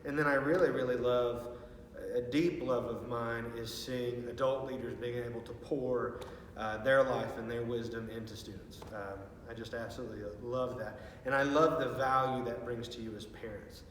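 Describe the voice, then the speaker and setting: A man speaking as a youth pastor in an informal video message, earnest and halting, with repeated words. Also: medium pitch, fairly even intonation, a bit bright. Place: large empty student ministry room with stage. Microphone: far from the speaker. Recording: very echoey hall, distant mic, faint noise.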